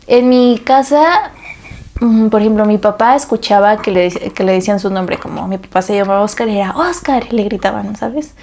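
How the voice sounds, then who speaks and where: A young woman, co-hosting a casual podcast and telling a story in an animated way, acting out the voices she quotes. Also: mid-range voice, a little fast. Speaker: podcast co-host. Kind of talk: casual chat.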